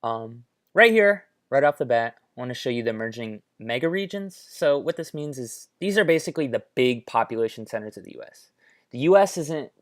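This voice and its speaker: A man's voice: medium pitch, lively intonation, a little fast. An American man giving an informal, conversational explainer with offhand asides, talking into a headphone microphone. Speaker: presenter. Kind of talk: casual explainer commentary over maps.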